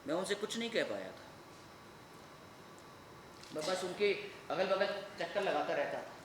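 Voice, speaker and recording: A man giving a dramatic solo storytelling performance, moving between hushed narration and shouting. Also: high voice, lively intonation, normal speed, far from the mic, slight background noise. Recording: echoey room with faint ambience.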